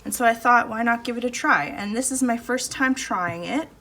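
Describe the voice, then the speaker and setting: An art channel host with a fairly high, sharp-toned voice talks at normal speed while painting at her table, chatting casually and thinking aloud. A phone camera above the table records her in her indoor home studio with no external mic, picking up faint street and household noise.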